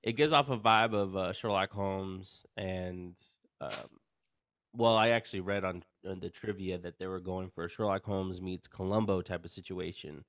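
Co-hosting a podcast about films and TV, a man talks casually about series and often starts his sentences over. He has a low, slightly bright voice with fairly even intonation and a moderate pace, in a dry, clean studio recording.

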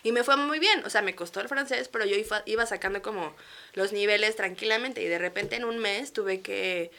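A woman in her thirties with a Mexican accent, a guest telling stories in a relaxed, chatty way with frequent laughs. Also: medium pitch, fairly quick, gravelly. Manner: lively, chatty storytelling with frequent laughs and fillers. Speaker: guest architect. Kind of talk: casual interview chat.

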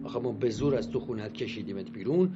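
A hot-headed, threatening detective, played by a man who shouts and barks his questions. His voice jumps loud and high. The sound is dull and lo-fi, with loud guitar music underneath. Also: lightly acted. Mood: angry. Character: hot-tempered, aggressive male police detective.

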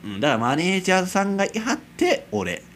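Rambling young Kansai man, wildly swooping pitch. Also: huge pitch swings, quick pace, a bit bright, slight background noise. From Kansai, Japan. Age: 20s. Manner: rambling, self-mocking, chuckles often. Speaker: amateur radio-style host. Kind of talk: casual solo late-night radio chat.

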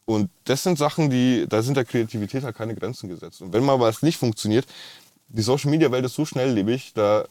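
A man's voice: mid-range voice, a little fast, a little mellow, no echo. A man with a rolled R, talking casually and enthusiastically as a musician being interviewed. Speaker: musician, singer-songwriter guest.

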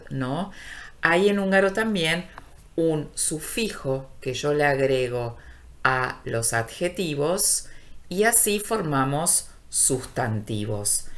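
A woman's voice: low-pitched, fairly bright tone. A woman teaching a radio language lesson, explaining patiently and stretching out each example word so learners can catch it. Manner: slow, deliberate, stretching out words for learners.

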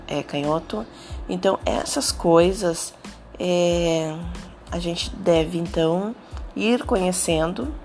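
A Brazilian woman with a deep, low voice gives a patient language lesson. She speaks with a Brazilian Portuguese accent and keeps checking that her listener follows. Soft music plays faintly behind her. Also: creaky. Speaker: Spanish teacher.

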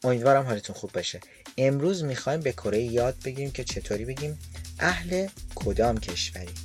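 A man teaching a language lesson, addressing his listeners directly in a friendly way and slowly repeating words to show how they are pronounced. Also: mid-range voice, expressive, faint music behind.

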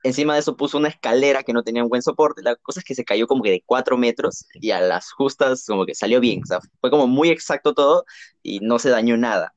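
A man's voice: mid-range voice, fast talker, no echo. A young man in casual chat, talking reflectively and telling a rambling personal story with many restarts. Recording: dull, muffled sound.

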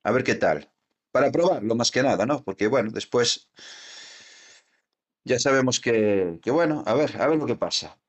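This podcast co-host speaks in a mid-range voice with lively intonation, keeping a moderate pace but pausing often. His casual chat wanders, full of fillers and false starts, and the recording sounds dull and lo-fi.

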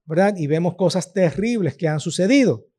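High-voiced, mellow preacher man. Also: animated, fairly quick, slightly rough. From Dominican Republic. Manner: earnest, emphatic, often asks "¿verdad?" and "¿ok?". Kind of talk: sermon.

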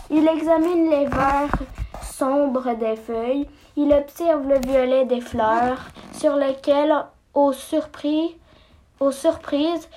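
Reader: high-pitched woman, slow halting storybook reading, faint noise behind. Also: dark tone. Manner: slow, halting, with stumbles and restarts. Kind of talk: reading a children's story aloud.

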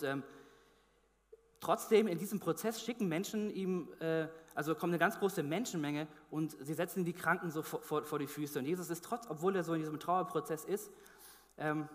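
A man's voice: fairly high pitch, normal speed, in a large hall. A man giving a sermon in a conversational way, often restarting his phrases. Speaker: preacher.

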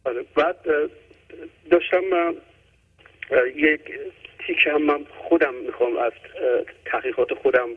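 A man calling in to a talk show, chatting casually and hesitantly, filling his pauses with lots of "uh"s. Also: fairly high pitch, slightly rough. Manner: hesitant, many filler sounds. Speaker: caller. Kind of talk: casual call-in chat. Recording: tinny phone line.

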